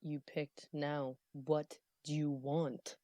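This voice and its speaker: This is a wary young woman adventurer who is terse and guarded, played by a woman in her own low voice. She speaks slowly in short, clipped answers, and the recording is dry and close. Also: little pitch movement, warm tone, no room sound.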